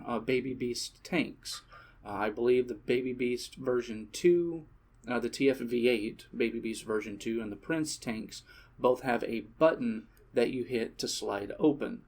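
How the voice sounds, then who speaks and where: A man giving a relaxed product demonstration, talking casually with frequent fillers and self-corrections. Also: mid-range voice. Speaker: shop presenter.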